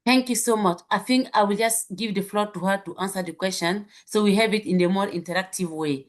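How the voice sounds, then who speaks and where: A woman's voice: mid-range voice, fairly quick. A woman with a French accent facilitating an online webinar over a video call, chatty and laughing often.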